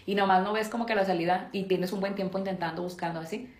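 A woman with a Mexican accent co-hosts a podcast, casually rambling through stories with lots of fillers. She talks fast in a mid-range voice with fairly even intonation. The room gives an echoey sound.

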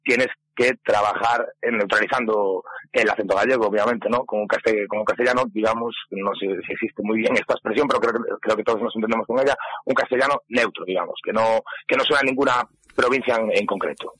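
A man's voice: lowish voice, steady tone, fast, fairly bright tone, slightly rough, no echo, rough recording. A man from Galicia answering an interview question, thinking aloud, hedging and restarting words as he goes. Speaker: interviewed guest.

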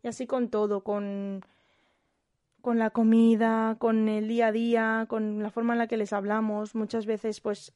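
A young woman from Spain with a Spanish accent, a kindergarten teacher giving a calm, reflective monologue with frequent hesitant restarts. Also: mid-range voice, no echo, studio quality.

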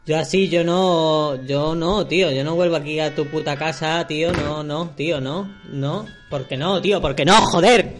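A man's voice: fairly high pitch, fairly even intonation, moderate pace, music in the background. A man from appearing as a podcast guest, grumbling and swearing in a sulky mock rant.

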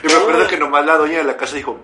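A man's voice: on the high side, steady tone, very fast, pushed and bright. A young Mexican man telling a rowdy story to friends, slangy and full of laughter. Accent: Mexican Spanish. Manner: slangy, laughs often, acts out quotes. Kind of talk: casual storytelling among friends. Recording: roomy echo, faint music behind.

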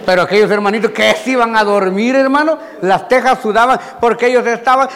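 A man preaching a sermon in a church hall, swinging from loud shouting to quiet asides, calling his listeners "brother" with folksy humor. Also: extremely high pitch, fairly quick. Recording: long hall reverb, faint crowd.

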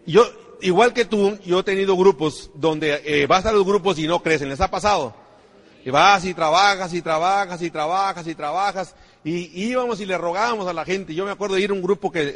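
A man gives a motivational business talk, repeating himself and asking the crowd rhetorical questions. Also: high voice. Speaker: network marketing trainer. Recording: long hall reverb.

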